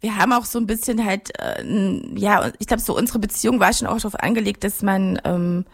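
A woman's voice: medium pitch, brisk, vocal fry. A German woman in her forties, a filmmaker being interviewed, talking reflectively and searching for her words. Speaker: filmmaker guest. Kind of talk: interview conversation.

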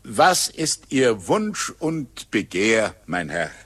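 An eager, theatrical companion. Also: male voice, lowish voice, takes it slowly, husky, no echo, exaggerated voice. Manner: animated, persuasive, theatrical. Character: eager, knowing male companion Knapp. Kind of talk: old radio play.

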